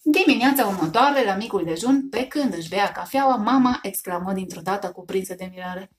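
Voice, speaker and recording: A woman storyteller reading a children's story aloud, expressive and lively. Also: mid-range voice.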